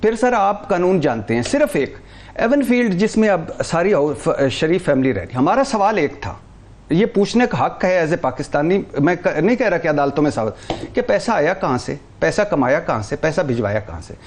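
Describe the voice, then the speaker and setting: A man's voice: a little high, very animated. Emphatic Pakistani man in a heated TV debate. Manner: emphatic, rattles off long lists of names. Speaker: guest commentator. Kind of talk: heated talk-show debate.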